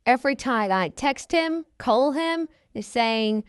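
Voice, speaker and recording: A woman's voice: on the high side, animated, slow pace, smooth, dry recording, clean studio sound. A young adult woman telling a personal story in a casual vlog, in simple, repetitive phrasing that often starts with "so".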